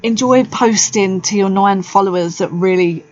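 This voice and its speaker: A woman's voice: medium pitch, normal speed. A blunt woman chatting casually on her podcast, swearing freely and laughing easily. Her voice sits in a middle range, and the sound is a little dull and lo-fi. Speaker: podcast co-host. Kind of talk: casual chat.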